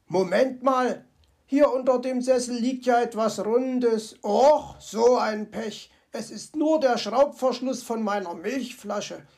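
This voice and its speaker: A woman doing a chatty, fussy fox gentleman. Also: fairly high pitch, slow, voice pushed up. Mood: bustling. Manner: chatty, talks to himself, comic grumbling. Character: cheerful fussy male fox, Herr Fuchs. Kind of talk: storybook character voice.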